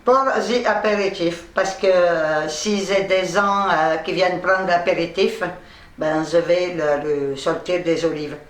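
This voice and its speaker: A woman's voice: fairly low pitch, fairly even intonation, unhurried, recorded from a distance. A woman vlogger chatting casually through her shopping haul, blunt and cheerfully profane. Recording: roomy, from off-mic.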